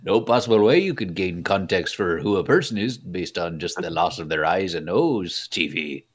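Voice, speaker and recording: A man voicing a masked pirate who talks in a disguised deep voice, gruff and sarcastic. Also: animated, moderate pace. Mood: mock-gruff. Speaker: podcast co-host. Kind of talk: casual chat among friends.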